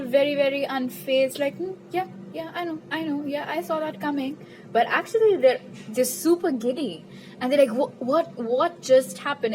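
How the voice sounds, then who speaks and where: A woman's voice: sits high, background noise. A woman reading tarot cards in a casual, chatty way, repeating her questions to Spirit and laughing at her own jokes. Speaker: tarot reader.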